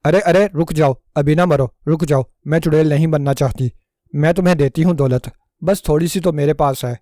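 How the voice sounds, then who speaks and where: Flustered storybook young wife, anxious pleading, read by a man; a bit high, mellow. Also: dry recording, studio quality, close to an everyday voice. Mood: panicked. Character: flustered naive young wife, easily frightened.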